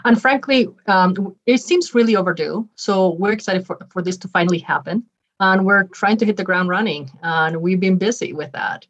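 On a podcast interview, an Ecuadorian nonprofit leader in her forties speaks at a medium pitch and normal speed through lo-fi audio. Her manner is upbeat, full of ums and restarts.

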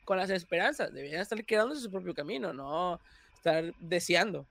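A young man with a Mexican Spanish accent, talking as a guest in a casual interview, animated and quick to laugh. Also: sits high, vocal fry, no echo. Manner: animated, laughs often, restarts phrases. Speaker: YouTuber guest.

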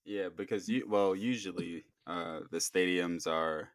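A man's voice: low-pitched, unhurried. A man in his thirties co-hosting a casual sports podcast, laid-back and slangy, often trailing off. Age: 30s. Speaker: podcast co-host.

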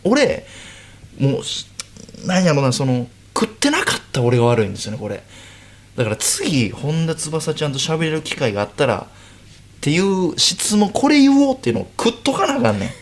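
A man's voice: a little high, huge pitch swings, normal speed. A young man with a Kansai accent hosting late-night radio alone, telling a self-deprecating story and acting out the quoted lines. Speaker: radio host.

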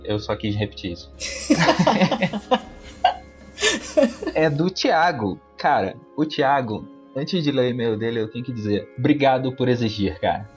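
A man co-hosting a podcast, reading listener emails aloud and cracking jokes between the lines. He speaks at a middle pitch in a relaxed, casual way. Faint music sits in the background. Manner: joking, wisecracking. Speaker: podcast co-host.

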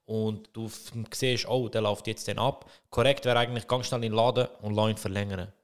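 Animated Swiss German man telling a story. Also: on the low side, a little fast, clear, resonant tone. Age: 30s. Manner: animated, swings loud when reenacting arguments. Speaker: podcast co-host. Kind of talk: casual comedic storytelling.

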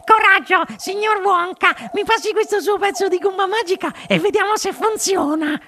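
A woman's voice: extremely high pitch, normal speed, sharp tone, slight background noise. A woman voicing a greedy, pushy young girl in an audiobook reading, eager and smacking her lips with delight.

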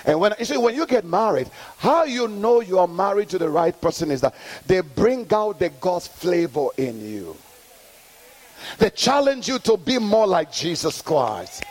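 High-voiced preacher man, call-and-response. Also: sing-song, unhurried. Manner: call-and-response preaching, rising to emphatic peaks. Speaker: pastor. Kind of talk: sermon.

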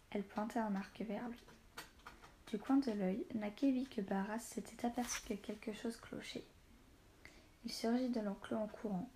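A woman narrating a storybook in a calm, measured way. Her tone is mellow and dark-edged rather than bright. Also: on the high side, a little hiss or hum. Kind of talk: storybook reading.

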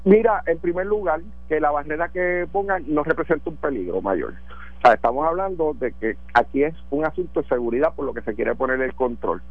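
Over a tinny, dry phone line, a government transportation secretary explains policy in a radio phone interview. His voice is on the high side and brisk, and his explanations are full of verbal fillers.

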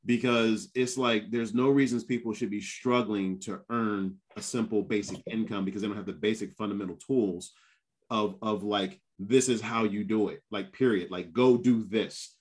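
A man in his fifties chatting casually and telling stories in an animated way, with emphatic repetition. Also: lowish voice, moderate pace, slightly rough. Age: 50s. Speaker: guest, former Marine. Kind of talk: casual conversational storytelling.

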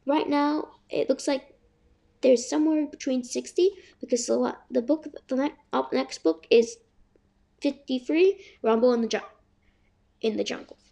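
A woman's voice: high-pitched, creaky, dark tone. A young woman casually reading a children's chapter book aloud, chatty and stumbling over words. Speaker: reader.

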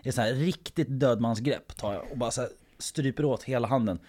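A man's voice: mid-range voice, a little mellow, breathy edge. A man telling a long anecdote in casual podcast chat, acting out quotes and swearing casually.

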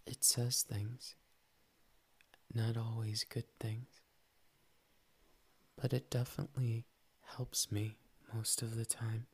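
A man's voice: medium pitch, level tone, slow, pauses often, husky. A man voicing a shy, playful young male cat boy in a whispered ASMR roleplay, tender and teasing, slipping "nya" into his talk. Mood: wistful. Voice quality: soft whispery delivery.

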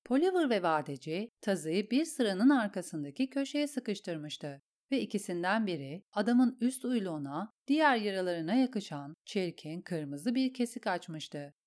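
A woman narrating an audiobook in a steady, measured storytelling voice. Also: medium pitch. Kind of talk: audiobook reading.

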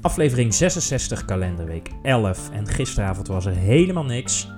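Male host, teasing quips, music bed clearly audible. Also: on the low side, very animated. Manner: quick teasing interjections. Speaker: podcast host. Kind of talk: casual chat.

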